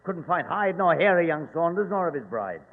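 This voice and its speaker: Animated British Inspector Lestrade. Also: male voice, on the high side, moderate pace. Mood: indignant. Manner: formal, huffy, wordy. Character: indignant, blustering male British police inspector. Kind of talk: 1940s radio acting. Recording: narrow, reverberant old radio recording.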